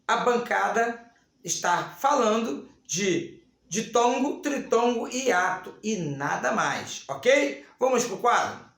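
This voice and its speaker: A Brazilian Portuguese teacher preparing students for civil service exams works through grammar at a whiteboard, drawing out key words and checking in with his class. His high voice is gravelly and fairly bright, and the room is very echoey.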